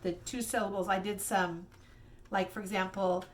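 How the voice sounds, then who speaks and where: A woman's voice: mid-range voice, fairly even intonation, normal speed, slight background noise. A woman teacher casually explaining reading games to fellow teachers, chatty and rambling with many fillers and restarts.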